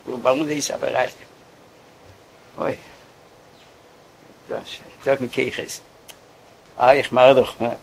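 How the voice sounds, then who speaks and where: A man telling a story casually, in a halting way, often repeating words. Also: mid-range voice, little pitch movement, vocal fry, poor audio.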